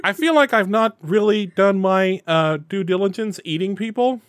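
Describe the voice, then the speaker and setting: A man's voice: sits high, normal speed, no echo, clean studio sound, natural voice. A man voicing a naive, hesitant man-eating bear in improvised comedy, with simple childlike phrasing. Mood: sheepish. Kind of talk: improvised comedy role-play.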